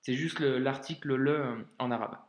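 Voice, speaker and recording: A man teaching Arabic reading in an informal video lesson, speaking directly and encouragingly to the learner and slowly sounding out each word. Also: mid-range voice, fairly even intonation, reverberant. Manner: slows down to sound out words carefully.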